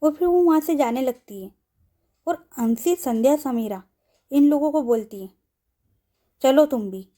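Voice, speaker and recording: A woman storyteller with a soft, warm, fairly high voice, reading a romance audio story aloud. She steadily names who speaks before each line of dialogue. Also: lively intonation, moderate pace. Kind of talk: storytelling narration.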